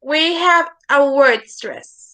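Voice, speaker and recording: A woman's voice: sits high, takes it slowly, bright, forceful tone, low-quality recording. A woman teaching an English lesson in an online class, patient and repetitive, checking in with "okay?" again and again. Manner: patient, repeats words and asks "okay?" often.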